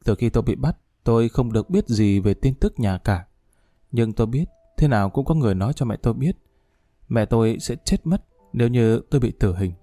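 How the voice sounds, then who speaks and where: A remorseful prisoner begs for mercy with a stammering, pleading voice, as a man narrator puts him on. The tone is mellow and the sound dry and close. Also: mid-range voice, animated, brisk, no echo, soft background music.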